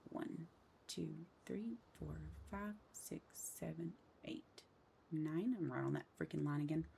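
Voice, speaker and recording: Low, slow, gravelly woman counting clicks. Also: lively intonation, noisy background. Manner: counts steps aloud under her breath. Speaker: game building tutorial host. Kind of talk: casual step-by-step voice-over. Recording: loud mouse and keyboard clicks.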